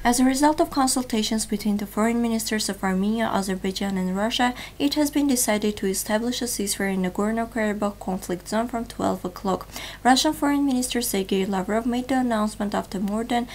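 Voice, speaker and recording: A young woman presenting a read news bulletin in a television studio, in a steady, formal newsreading manner. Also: on the high side, a little fast, slight background noise.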